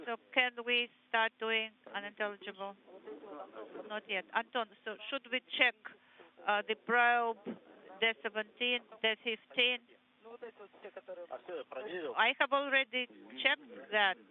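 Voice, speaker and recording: High-voiced man over crackly space radio. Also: fairly even intonation, takes it slowly, long pauses. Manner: clipped procedural call-and-response. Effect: crackly space-to-ground radio link. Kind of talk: mission control radio exchange. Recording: narrow tinny radio line.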